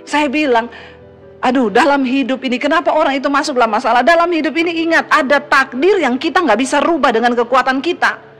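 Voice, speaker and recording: A middle-aged woman pastor preaches a sermon emphatically and briskly in a high voice, swinging from loud exhortation to hushed asides. She acts out the people she quotes in a raised voice, while faint music plays behind her.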